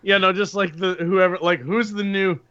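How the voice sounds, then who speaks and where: A man with a high, bright, sharp voice, guesting on a casual podcast and rambling with restarts and sarcastic jokes. The recording is dry and a little dull. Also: fairly even intonation, moderate pace, clean tone, no room sound. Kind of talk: casual chat.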